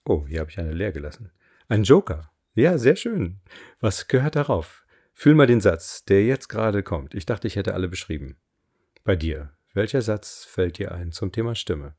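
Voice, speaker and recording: A man acting as a voice coach, calmly reading affirmation sentences aloud and pausing between them as a guided exercise. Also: sits low, breathy edge. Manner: slow, calm, reads affirmations aloud with pauses.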